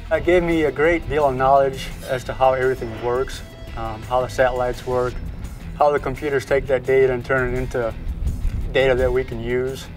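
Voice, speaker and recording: A young man talks about his internship in a plain, matter-of-fact way. His pitch barely moves. Faint music sits in the background. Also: flat delivery, normal speed. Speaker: student.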